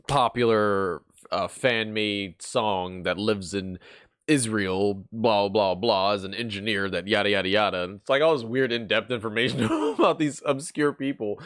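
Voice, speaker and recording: A man's voice: fairly low pitch, fairly bright tone, clear, resonant tone, dry recording, clean studio sound. A man streaming live, chatting casually and rambling as he reacts to a video. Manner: rambling, laughs often, mock voices when quoting.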